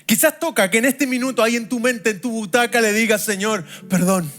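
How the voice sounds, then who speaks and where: A man's voice: extremely high pitch, fast, a bit bright. A man with a Chilean accent, preaching a sermon as pastor in a church. He stretches phrases out in a sing-song way and drops into chatty asides to the congregation. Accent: Chilean Spanish.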